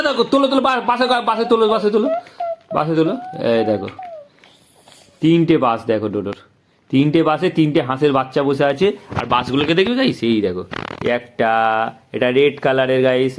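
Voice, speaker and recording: A man, filming a casual family vlog at home on a phone camera, talking to viewers and repeating his questions to get answers from family. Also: a little high. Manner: chatty, repeats himself, coaxes family for answers. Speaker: family vlogger. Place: family home indoors and around the yard. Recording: echoey rooms, faint ambient noise.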